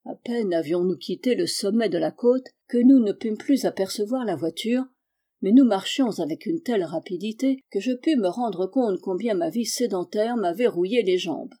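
A woman narrating a classic story for an audiobook. Her reading is measured and even. Her voice is warm and mellow. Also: mid-range voice. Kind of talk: scripted narration.

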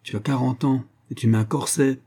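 A man's voice: medium pitch, fairly even intonation, fairly quick, mellow, natural voice. A man reading the part of a furious, harsh old mother who scolds shrilly. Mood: angry.

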